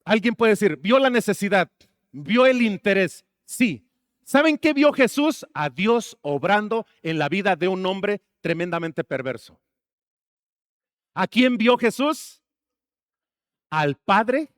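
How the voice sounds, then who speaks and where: Male pastor, high voice, dry close sound, questions to the congregation. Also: very animated, slow, no echo. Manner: asks the congregation questions and jokes between points. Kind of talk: sermon.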